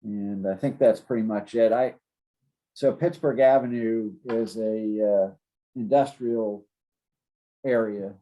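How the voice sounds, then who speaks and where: A man's voice: lowish voice, fairly even intonation, slow, mellow, low-quality recording. A man giving an informal, explanatory presentation as city zoning staff, plain-spoken and a little hesitant.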